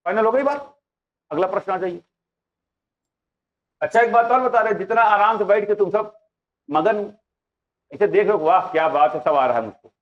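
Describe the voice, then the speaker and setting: A man's voice: high voice, lively intonation, normal speed, pauses often. A male teacher giving a classroom lecture, quizzing his live students with repeated questions. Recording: dull lo-fi sound.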